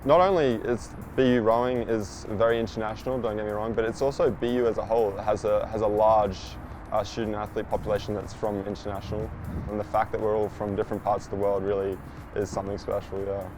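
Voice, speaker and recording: A young Australian man speaks in a low, rather flat voice, giving relaxed answers about his rowing team. Music plays clearly underneath him. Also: quick pace. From Brisbane, Australia. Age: young adult. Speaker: college rower. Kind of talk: interview sound bite.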